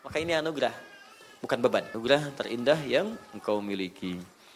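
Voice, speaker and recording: A man preaching a sermon, animated and informal, swinging between loud emphatic bursts and soft low asides, with occasional laughter. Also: fairly quick, a little hiss or hum. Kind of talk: sermon with audience questions.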